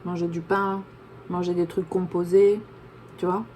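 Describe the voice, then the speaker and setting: A woman's voice: lowish voice, little pitch movement, unhurried, dark tone, slight background noise. A young woman vlogging at home, chatting casually and talking between bites of a sandwich. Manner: chatty, talks while chewing a sandwich. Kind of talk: casual chat while eating. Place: home room, backlit.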